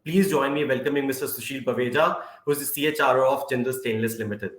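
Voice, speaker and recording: Give me a man moderating a session over a conference call, formal and measured, with a roomy echo on the line. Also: mid-range voice. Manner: formal, measured, with frequent "uh" fillers. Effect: conference call audio. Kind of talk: hosting an online career webinar. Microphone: video call.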